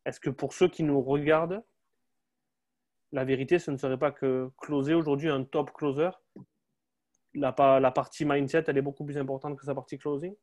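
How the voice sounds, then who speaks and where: A man's voice: medium pitch, fairly even intonation, normal speed, a little mellow. A man hosting an interview, asking questions with enthusiasm and frequent exclamations. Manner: enthusiastic, exclaims "wow", stumbles over restarts. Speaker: interviewer, host. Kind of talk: casual interview.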